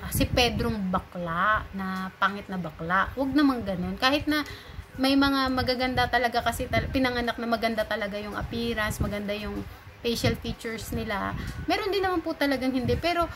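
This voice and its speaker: Filipina woman from cavite giving a chatty talk, bit high voice, lots of noise behind. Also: moderate pace. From Cavite, Philippines. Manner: animated, chatty, mixes in English phrases. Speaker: speaker giving a talk on bullying. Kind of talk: casual informal lecture. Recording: noisy background.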